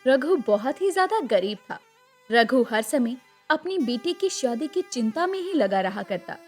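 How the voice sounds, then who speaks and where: A woman narrates an animated moral story in a dramatic, expressive way. Her voice sits high and moves a lot, with faint music underneath. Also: measured pace.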